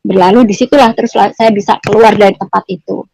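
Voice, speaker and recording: This guest, a middle-aged woman, recounts her testimony conversationally, saying each phrase twice and tacking "gitu" onto her clauses. She talks fast in a steady mid-range voice that is dark with vocal fry. There's slight background noise on a low-quality recording.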